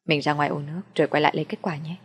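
A woman voicing a young man, a gentle boyfriend who teases and comforts in a soft, reassuring way. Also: low-pitched, steady tone, very fast, breathy edge, in a large hall, full character voice. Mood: firm.

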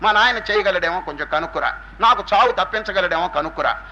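A man giving a spiritual discourse as a swami, explaining through rhetorical questions and homely stories and slowly chanting scripture verses. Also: sits high, bright, forceful tone, dull audio, a little hiss or hum. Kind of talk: religious discourse.

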